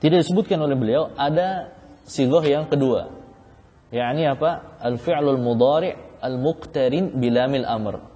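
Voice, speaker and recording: Male ustadz lecturing, mellow voice, keeps repeating himself and asking the room questions, lots of hall echo. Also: mid-range voice, moderate pace. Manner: explains by repeating key phrases, asks the class questions. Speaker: Islamic studies teacher. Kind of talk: classroom lecture on legal theory.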